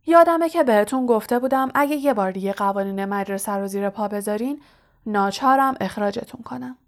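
A woman reading the lines of a wise, kindly old male headmaster in a storybook audiobook, in a calm, soft-spoken way. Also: medium pitch, lightly acted. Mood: gentle, kindly.

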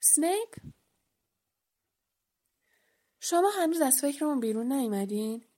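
A woman voicing a big, gruff male gamekeeper in a storybook reading, chatty and rambling, her voice slightly high for a woman. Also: lively intonation, warm tone. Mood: boastful.

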